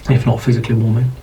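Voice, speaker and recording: A man with a British accent, narrating as dungeon master in an unhurried, descriptive way. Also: medium pitch, darkish tone, slight background noise, poor audio. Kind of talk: narrating a tabletop game.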